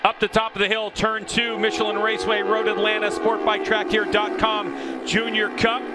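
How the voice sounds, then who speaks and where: A man working as a motorsport commentator, calling a race live with animated play-by-play. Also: high-pitched, moderate pace. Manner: animated play-by-play calling, rising to shouts at action.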